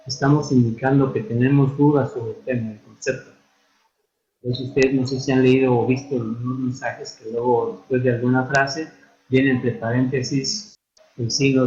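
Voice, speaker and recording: A man giving an online lesson on writing and spelling, with a Mexican Spanish accent, unhurried and hesitant with many fillers and restarts. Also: mid-range voice, darkish tone, slight background noise. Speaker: instructor. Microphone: computer mic for a virtual classroom. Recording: echoey, dull online-classroom audio.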